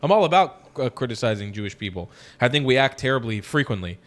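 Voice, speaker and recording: A man's voice: mid-range voice, expressive, fast. A man with a slight, wet lisp from wearing braces, talking bluntly and profanely in a casual political discussion.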